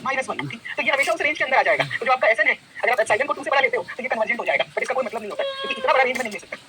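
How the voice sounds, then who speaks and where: Male math lecturer, quick bright delivery, quizzes the class, faint hiss behind. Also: very high voice. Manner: lively, quizzing students with repeated questions. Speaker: math teacher. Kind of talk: classroom lecture, mixing Hindi and English.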